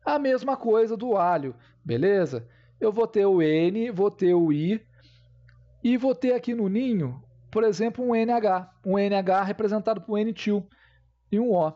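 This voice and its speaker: A man's voice: high-pitched, animated, unhurried, mellow, muffled recording. A man teaching a grammar lesson, explaining step by step and checking in with his viewers.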